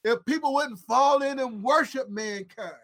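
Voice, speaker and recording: A man preaching a fiery sermon on a psalm, swinging from hushed asides to drawn-out shouted emphasis in a repetitive, driving cadence. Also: extremely high pitch.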